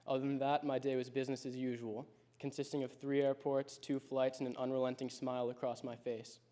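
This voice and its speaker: This late-teen high school senior gives a personal speech he prepared, reflecting on his story in a measured way. There is little movement in his pitch, and his tone is warm.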